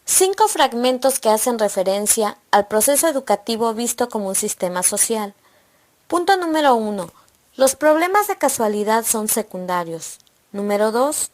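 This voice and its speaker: A woman narrates a scripted lesson in a slightly high voice. She reads steadily and works through numbered points one after another. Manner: steady, read-aloud delivery listing points. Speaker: presenter of an educational video.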